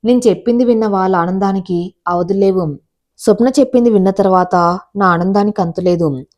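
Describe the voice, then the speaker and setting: Brief: woman storyteller, warm mellow voice, even measured reading. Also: medium pitch, highs cut off. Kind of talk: scripted first-person audio story narration.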